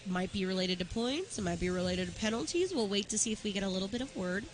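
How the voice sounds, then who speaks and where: Female color commentator, mid pitch, measured and informative, live sports feel. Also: lively intonation, a little hiss or hum. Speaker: roller derby color commentator.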